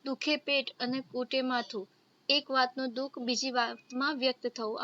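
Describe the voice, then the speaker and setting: A woman's voice: fairly high pitch, a bit bright, highs cut off. A woman teacher explaining idioms and their meanings in a grammar lesson, slipping English words into her explanations.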